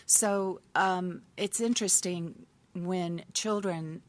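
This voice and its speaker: An older woman on a discussion panel, speaking as a family counselor in a candid, conversational way with thoughtful pauses. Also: lowish voice, steady tone.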